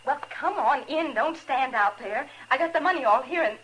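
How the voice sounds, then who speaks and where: An actress playing a scheming, frightened frontier widow in a 1950s radio western, with an anxious, pleading delivery. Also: female voice, sits high, animated, moderate pace, a bit bright, rough recording. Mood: eager. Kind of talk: 1950s radio drama acting.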